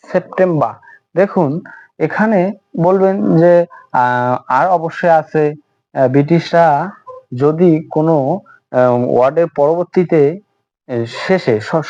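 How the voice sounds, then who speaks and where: A man teaching a beginners' spoken English lesson, slow and repetitive, with many hesitant fillers. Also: on the high side, a little mellow, no echo. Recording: dull lo-fi sound.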